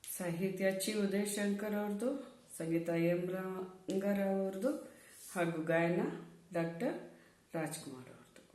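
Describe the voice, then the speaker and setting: A woman singer who calmly announces a film song and then sings it. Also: medium pitch, a little slow, pauses often. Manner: calm announcing voice, then melodic singing. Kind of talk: spoken song introduction then sung film song cover. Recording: roomy echo.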